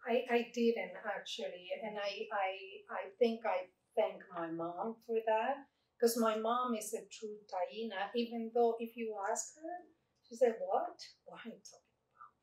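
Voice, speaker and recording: A woman poet answering audience questions, slow and thoughtful, with many fillers and restarts, standing at a lectern in a library meeting room. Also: fairly high pitch, a little mellow. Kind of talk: unscripted Q&A at an author talk. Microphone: far room mic. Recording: echoey room recorded from far off.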